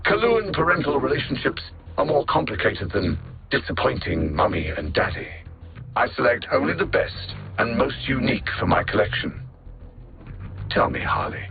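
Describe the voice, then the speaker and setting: A man with a fairly low, gravelly voice plays a cold, arrogant alien machine-intelligence supervillain in a video game, sounding haughty and sardonic as he enunciates with deliberate theatrical care. His villain lines pass through a synthetic filter that leaves them narrow and band-limited like a radio, with game music playing behind.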